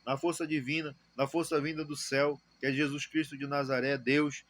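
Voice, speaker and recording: A man with a Brazilian accent giving a church testimony in a halting way, repeating words and exhorting listeners. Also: on the high side, level tone, fairly bright tone. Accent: Brazilian Portuguese. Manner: preaching exhortation. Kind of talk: spoken testimony.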